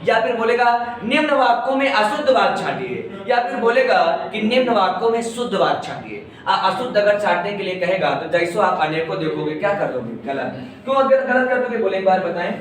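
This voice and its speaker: High pitched guy teaching hindi grammar, jokes around, sounds far from the mic in a boomy room with the class around. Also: brisk, very echoey. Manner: joking, teasing students, lively recitation. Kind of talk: classroom lecture. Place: classroom with students.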